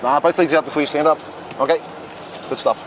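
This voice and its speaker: A police officer, calm and patient, giving short clipped commands. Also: male voice, on the high side, fast talker, background noise.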